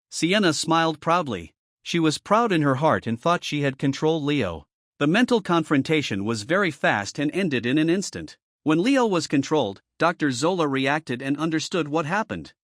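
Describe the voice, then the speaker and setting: A man's voice: a little high, no echo, clean studio sound. A man reading a recap story, narrating and reading every character's lines in the same voice. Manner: reads every character's lines in his own voice. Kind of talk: scripted narration.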